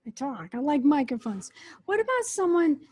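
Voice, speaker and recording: High-voiced chatty woman host. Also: big pitch swings, moderate pace, darkish tone. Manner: enthusiastic, chatty, interjects often. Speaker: interview host. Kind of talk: casual interview.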